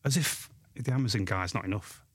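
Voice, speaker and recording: This guest author and blogger, a man in his forties from Sheffield, speaks with a South Yorkshire accent in a lowish, slightly rough, somewhat bright voice at a fairly quick pace. The casual interview is dry and clean in studio sound, and he wanders, restarts often and mocks himself.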